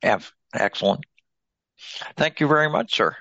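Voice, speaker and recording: A man's voice: a little high, lively intonation, normal speed, gravelly, fairly bright tone, no echo, lo-fi sound. A man moderating a call-in discussion, asking brief, polite questions.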